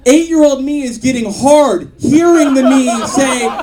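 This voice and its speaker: A man's voice: extremely high pitch, unhurried. A man in his twenties doing a crude stand-up set in a comedy club, rambling through his jokes with lots of fillers. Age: 20s. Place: comedy club stage with live audience. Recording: audience laughter behind. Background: crowd laughing.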